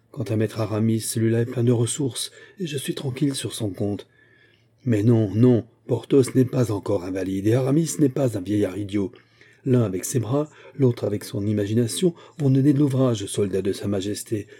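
A man reading the part of a proud, hot-tempered aging musketeer captain in an audiobook, with sharp, indignant retorts. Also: mid-range voice, breathy edge.

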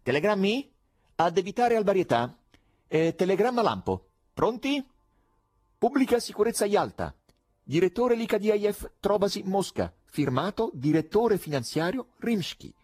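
Guy putting on a frantic yelling theatre manager, high and husky, audiobook. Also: unhurried, heavily acted. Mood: urgent. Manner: shouting, excitable. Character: agitated male theatre administrator, shouting.

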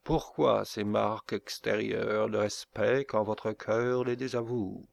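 A man voicing a stern, pious noblewoman who reproaches her son in a cold, solemn tone, raised a little above his own pitch. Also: slow, darkish tone, dry recording. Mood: reproachful.

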